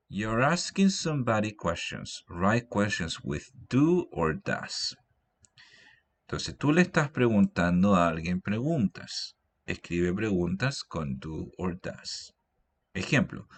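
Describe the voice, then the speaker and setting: Slow, deep-voiced man teaching English. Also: a bit bright, slightly rough. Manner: patient, repeats example sentences slowly. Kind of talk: grammar lesson explained in Spanish.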